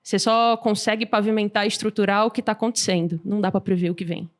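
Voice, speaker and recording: A woman, a guest telling her story in a lively, informal way. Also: medium pitch, quick pace. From Salvador, Brazil. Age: 20s. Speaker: guest entrepreneur. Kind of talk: casual interview chat.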